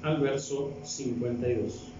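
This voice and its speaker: A man with a Mexican accent, a deacon, preaches a sermon and reads scripture in a church hall, firing rhetorical question after question at the congregation. His mid-range voice is fairly even and a little slow, recorded on a distant mic in a very echoey hall with dull sound and a noisy background.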